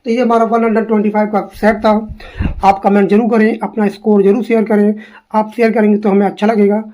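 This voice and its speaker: A woman teaching an exam-prep English lesson, echoing her own answers back as questions and reading quoted lines slowly. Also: mid-range voice, level tone, mellow. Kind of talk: quiz answer walkthrough lesson.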